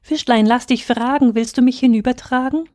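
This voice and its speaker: A woman voicing a small, gentle girl in a storybook fairy tale, speaking softly and wistfully. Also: a little high, steady tone, moderate pace, dry recording, studio quality, close to an everyday voice.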